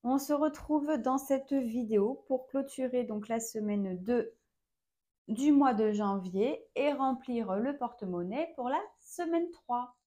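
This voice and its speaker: In a mellow, slightly high voice, a woman in her thirties who has four children talks to camera for a casual vlog. She speaks in a slow, measured way, with many hesitations.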